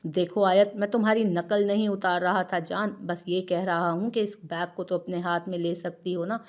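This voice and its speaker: Woman doing a young husband who keeps teasing his wife, kinda exasperated, lowish voice, storybook read. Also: fairly even intonation, normal speed, natural voice.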